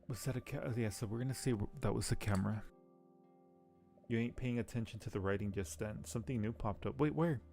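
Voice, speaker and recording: A streamer plays a point-and-click game casually, thinking aloud and reading the on-screen text to his viewers. His voice is fairly low and darkish, and he talks fast over faint background music.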